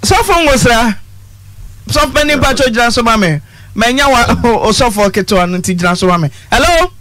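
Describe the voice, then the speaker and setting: A Ghanaian woman hosting a radio phone-in, pressing a caller with sharp questions and mocking laughter. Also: on the high side, expressive, a little fast, a crowd in the background. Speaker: radio host. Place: radio studio. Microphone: studio mic.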